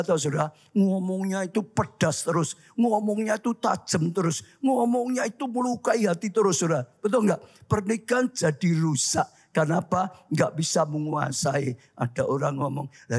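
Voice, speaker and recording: A male pastor preaching a lively sermon, often calling out to the congregation. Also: a little high, husky. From Indonesia. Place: church hall.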